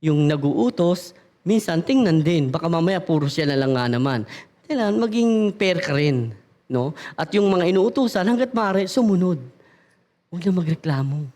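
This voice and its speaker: A man's voice: fairly high pitch, moderate pace. A middle-aged man preaching a sermon in church, talking to the congregation and acting out little everyday dialogues in changing voices. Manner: animated, acts out little dialogues in raised voices.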